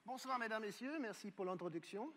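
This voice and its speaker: Brief: middle-aged male professor, non-native speaker, animated and expressive, echo of a big lecture hall. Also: high voice, fairly quick. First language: not French. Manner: animated, rhetorical questions to the audience, non-native phrasing. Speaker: psychology professor giving a public lecture. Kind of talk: public science lecture.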